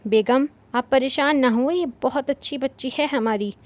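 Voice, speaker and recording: A woman's voice: sits high, moderate pace, darkish tone, natural voice. A woman narrator reading the part of a middle-aged father who speaks affectionately and soothingly.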